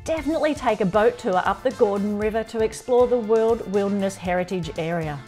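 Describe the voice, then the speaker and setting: A woman's voice: mid-range voice, fairly quick, darkish tone, soft background music. A woman in her forties with an Australian accent, presenting a travel road trip with upbeat, encouraging narration. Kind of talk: travel narration and car chat. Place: inside a moving car.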